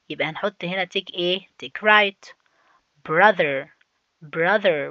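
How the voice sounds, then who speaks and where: A woman with an Egyptian Arabic accent teaches young children English, drawing out English words slowly and coaxing them along. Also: mid-range voice, sharp tone, no echo, dull audio. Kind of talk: children's lesson, explaining a textbook.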